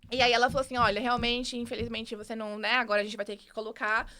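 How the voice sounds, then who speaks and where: A young woman with a Brazilian Portuguese accent, talking quickly as a podcast guest. Her voice sits a little high, and she tells her story with animated energy, jumping into quoted dialogue and restarting her sentences. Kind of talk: casual storytelling interview.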